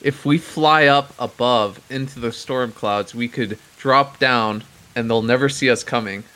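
A man's voice: medium pitch, measured pace, sharp tone, rough recording. A man talking casually as a player in a tabletop role-playing game, describing his character's actions.

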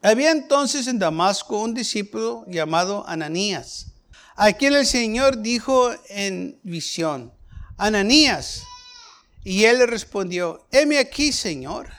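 A man with a high voice teaches a Bible passage in an unhurried sermon. He talks slowly and deliberately, explaining each verse and turning to his listeners with questions. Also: lively intonation, a bit bright.

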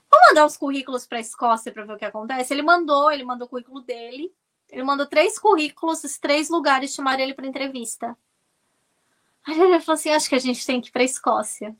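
Brazilian woman guest telling stories, high voice, lively, keeps restarting words. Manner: animated, restarts words often. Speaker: interview guest. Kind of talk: casual storytelling.

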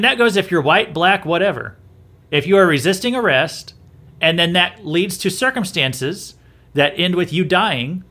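A man's voice: high-pitched, pushed and bright. A man hosting a podcast, talking through news in a casual, opinionated way, often restarting his sentences. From southern United States. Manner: conversational, repeats himself and restarts often. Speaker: podcast host. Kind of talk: opinionated commentary.

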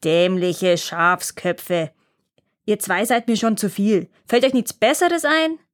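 A woman voicing a grumpy little old male dwarf in a storybook reading, snapping insults and shouting. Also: fairly high pitch, moderate pace, lightly acted. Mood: furious, shouting.

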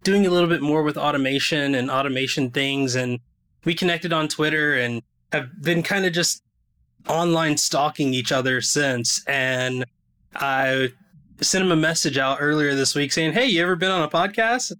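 A man's voice: on the high side, fairly even intonation, pushed and bright, clear, resonant tone. A young adult man hosting a podcast, chatting casually with a guest and laughing now and then. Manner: casual, laughs often, quick asides. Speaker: podcast host.

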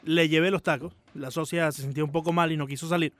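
A man's voice: fairly high pitch, fairly even intonation, dry recording. A man co-hosting a sports radio show from a studio booth, playful and agreeable, drawing out his yeses. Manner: playful, agreeable, drawn-out affirmations.

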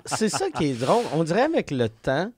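A man's voice: a little high, brisk, a little hiss or hum. A man with a Québécois French accent co-hosting a podcast in casual, joking chat, his nose a bit stuffy. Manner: animated, joking, swears casually. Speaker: podcast co-host. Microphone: studio mic.

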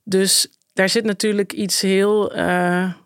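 A woman's voice: mid-range voice, level tone, slow, clean tone, no echo, studio quality. A woman author speaking as a guest, thoughtful and hesitant with many fillers. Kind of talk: casual discussion.

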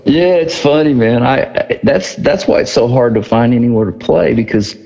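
A middle-aged man, a guest musician, telling stories in a relaxed way and laughing often. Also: mid-range voice, normal speed, vocal fry, long reverb tail, highs cut off. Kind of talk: casual storytelling interview.

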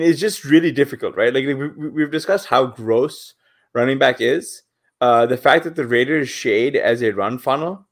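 Male co-host, middle pitch, loose rambling analysis with hedges. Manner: rambling, hedging with fillers. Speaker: podcast co-host. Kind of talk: casual sports analysis.

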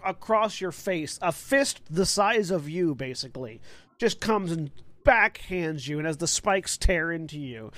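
A man's voice: a little high, expressive, unhurried, fairly bright tone. A man acting as game master, narrating a tabletop game and stumbling over restarts when asked questions.

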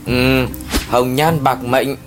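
A man's voice: medium pitch, fairly even intonation, slow pace, over music, lightly acted. A man plays a wry older neighbor with dry, sardonic remarks.

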